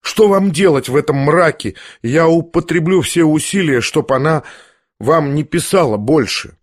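Gentle anguished young prince, read by a man, soft and hesitant, fairly high voice, dry sound. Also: normal speed, dry recording, lightly acted. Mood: pleading. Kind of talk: audiobook character voice.

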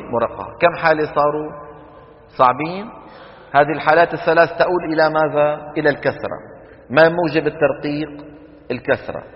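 A man teaching Quran recitation rules to a class, quizzing students with quick questions and chanting the examples slowly. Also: a little high. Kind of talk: classroom lesson on tajweed rules. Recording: dull lo-fi recording with long hall reverb.

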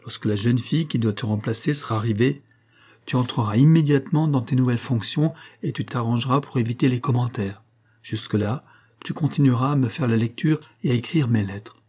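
A man voicing a kind invalid lady who speaks gently but firmly to her young servant, in a read-aloud novel. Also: medium pitch, fairly quick, husky, natural voice. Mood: gentle, firm. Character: kindly invalid lady, firm yet tender.

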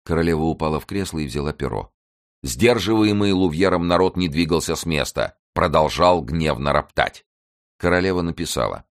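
Very deep-voiced male audiobook narrator. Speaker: audiobook reader. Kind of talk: scripted narration.

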